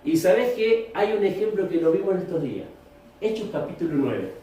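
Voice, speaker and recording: A man's voice: high-pitched, very animated, a little fast, mellow. A man with a Rioplatense Spanish accent preaching a sermon as pastor, questioning his congregation. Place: church hall. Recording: echoey room, distant mic, faint noise.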